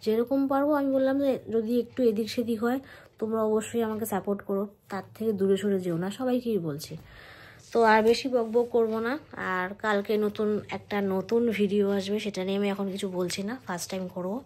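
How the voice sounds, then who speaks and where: A young woman vlogging casually at home late at night, speaking quietly because she feels unwell and others are asleep, slipping English words into her talk. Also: mid-range voice, steady tone, quick pace. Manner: chatty, mixes English words into Bengali. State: feeling unwell. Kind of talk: casual vlog chat.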